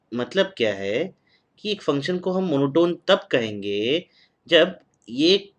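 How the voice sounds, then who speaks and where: Slow, dictating male maths lecturer. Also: medium pitch. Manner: mixes Hindi and English, dictates slowly, repeating each phrase. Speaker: mathematics lecturer. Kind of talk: recorded online lecture, dictating notes.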